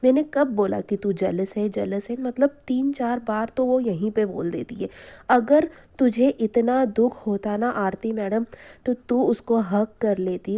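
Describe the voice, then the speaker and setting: Opinionated woman reviewer, mellow higher voice. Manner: opinionated, repeats points for emphasis. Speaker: fan show reviewer. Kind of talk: spoken review commentary.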